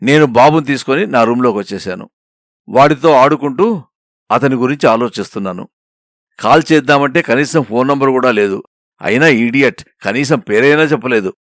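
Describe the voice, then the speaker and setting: A man reading a story aloud as narrator, in an expressive, emotive storytelling manner. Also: mid-range voice, no echo, clean studio sound. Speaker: story reader.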